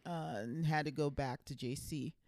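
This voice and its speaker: Middle-aged female guest: low pitch, creaky voice, sassy casual chat. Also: normal speed, a little mellow, no echo. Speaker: podcast guest, the host's parent.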